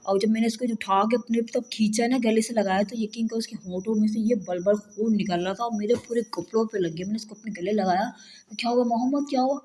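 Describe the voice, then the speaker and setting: A woman in her thirties from Pakistan speaks into a handheld phone in her home, in a vlog. Her voice is mellow and warm, sitting at an ordinary pitch. She talks in an earnest, emphatic way, pressing her points with repeated assurances. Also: steady tone, fast, few pauses, a little hiss or hum. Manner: earnest, emphatic retelling, often repeating "believe me". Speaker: vlogger, mother. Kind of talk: home vlog, personal storytelling. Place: at home, indoors.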